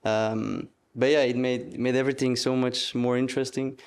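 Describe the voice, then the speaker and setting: A young man from Belgium talks through an interview in a relaxed, halting way, filling pauses with plenty of ums. His voice is smooth and clear, at a middling pitch for a man. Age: 20s. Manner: relaxed, hesitant with many fillers. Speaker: student athlete, soccer captain. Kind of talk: casual interview.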